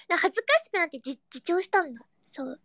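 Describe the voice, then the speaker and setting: A young woman hosting a casual live audio chat, reading listener comments in a cutesy, excitable way and breaking into squeals and giggles. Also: very high voice, fairly quick, no room sound, clean studio sound. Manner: cutesy, baby-talk endings.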